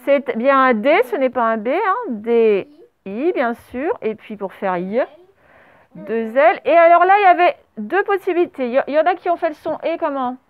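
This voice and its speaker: Give me a woman teacher with a high voice dictating words syllable by syllable, recorded dry and narrow like over a phone. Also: lively intonation, no echo. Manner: slow, syllable-by-syllable dictation, spelling letters aloud; speaking through a face mask. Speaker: primary school teacher. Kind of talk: spelling dictation lesson. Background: traffic noise through open doors.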